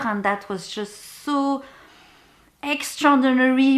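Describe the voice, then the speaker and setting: A woman who works as a bereavement guide tells a personal story to the camera, slowly and reflectively, often pausing to search for words. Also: fairly high pitch, fairly bright tone. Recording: roomy echo.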